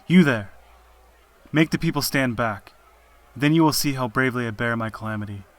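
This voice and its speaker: A man voicing a proud, defiant deposed Byzantine nobleman, declaiming loudly. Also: mid-range voice, moderate pace, close to an everyday voice.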